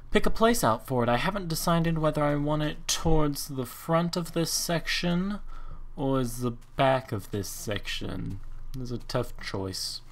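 On the high side and creaky, this man's voice carries a casual Minecraft let's play commentary. He thinks through his moves aloud, counts blocks under his breath, and drifts into rambling asides, with a touch of hiss or hum.

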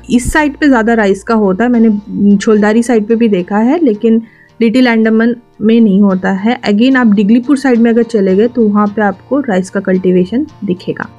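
A young woman vlogger from the Andaman Islands narrates a road trip in a chatty, explanatory voice-over. She keeps slipping English words into her speech at a mid pitch. Faint music plays quietly underneath. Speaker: travel vlogger.

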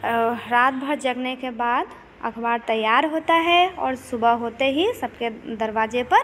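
A woman teacher explaining a children's poem line by line. She talks patiently, reads the verse slowly, and keeps checking with "है ना". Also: on the high side, fairly bright tone, a little hiss or hum, low-quality recording. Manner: slow, patient explaining with many fillers and "है ना" checks; reads the verse lines slowly and recites them. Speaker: Hindi teacher.

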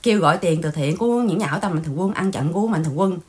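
A woman's voice: fairly low pitch, animated, very fast, a little mellow. A woman hosting an online channel, chatting casually and mocking others in scolding gossip. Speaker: channel host. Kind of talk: casual livestream chat.

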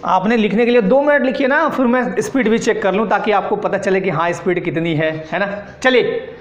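Guy teacher with a high voice dictating words to an online class, keeps saying "right?", echoey room. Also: brisk, dull audio. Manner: dictates word pairs, repeats with tags like "है ना". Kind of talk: exam-prep Hindi grammar lesson.

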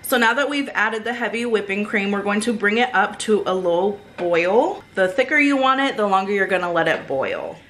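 A woman's voice: mid-range voice, lively intonation, normal speed, few pauses, fairly bright tone. A woman in her thirties giving casual cooking instructions to viewers in her home kitchen. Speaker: home cook and vlogger. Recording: clear frying and kitchen noise. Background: sizzling food, stirring.

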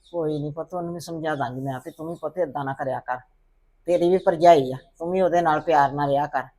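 A woman playing a patient, soothing mother-in-law in a family drama who keeps advising calmly. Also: low-pitched, quick pace. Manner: calm, soothing, calls her "son".

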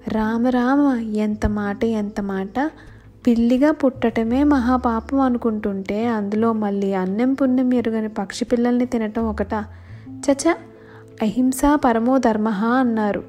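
Woman playing a crafty flattering male cat, high voice, mellow and soft, faint music. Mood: pious. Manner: fawning, flattering, pleading. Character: sly male cat feigning piety. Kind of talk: storybook voice acting.

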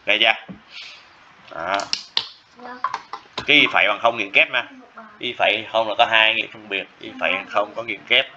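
A man's voice: lowish voice, normal speed, long pauses. A man teaching a math lesson, repeating phrases and often checking whether students follow. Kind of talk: classroom lecture. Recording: dull lo-fi classroom recording with faint noise.

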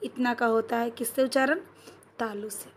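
A woman teacher with a Bihari Hindi accent goes through exam questions, asks her class questions and answers them herself, and keeps checking whether it is clear. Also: on the high side, steady tone, moderate pace, a little hiss or hum.

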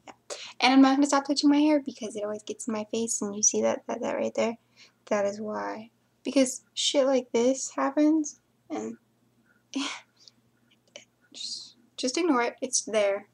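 A woman's voice: a little high, moderate pace, vocal fry, a little mellow. A young woman chatting casually to camera, answering viewer questions and rambling into mumbled asides.

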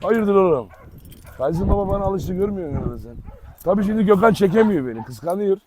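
A man from Turkey hosting a casual vlog outdoors in a dog yard, loud and teasing, coaxing the dogs with pet names. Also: sits high, lively intonation, brisk, crowd noise. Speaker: dog channel host.

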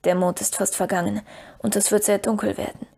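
A woman reading an audiobook, voicing a calm, watchful male ranger who leads the group. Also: medium pitch, brisk, gravelly, slightly rough. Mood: grave.

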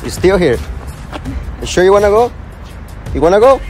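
A man loudly and insistently offering a ride from his car, outdoors. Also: high voice, big pitch swings, normal speed, faint music behind. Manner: loud, insistent, coaxing. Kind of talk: casual chat.

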